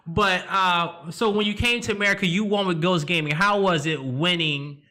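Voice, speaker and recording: Bright high-voiced male host. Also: normal speed. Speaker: show host. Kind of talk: casual interview chat.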